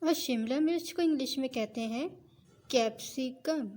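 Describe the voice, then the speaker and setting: A woman teaching vocabulary, saying each word slowly and carefully and repeating it several times. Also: high voice, a little mellow. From Pakistan. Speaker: language teacher. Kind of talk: vocabulary lesson with repeated words.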